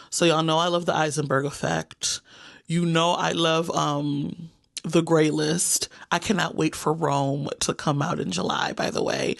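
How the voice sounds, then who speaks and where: A woman's voice: deep voice, creaky, no echo, clean studio sound. A woman from New York chatting casually with viewers about the books on her reading list, playful and talkative. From New York, United States. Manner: chatty and playful, addresses viewers as y'all and baby. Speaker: booktuber. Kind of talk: casual chat reviewing books.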